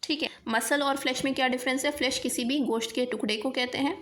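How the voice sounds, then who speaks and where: Woman, teacher, vocabulary lesson, slow careful dictation, slightly high voice. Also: fairly even intonation, fairly bright tone. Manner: slow careful dictation of word pairs, frequent rising checks.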